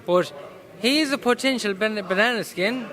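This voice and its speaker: High-voiced man with west of Ireland accent. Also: moderate pace, pushed and bright. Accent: west of Ireland, Mayo. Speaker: professional boxer being interviewed. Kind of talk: casual interview answers. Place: indoors in a boxing gym. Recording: busy gym noise behind voice.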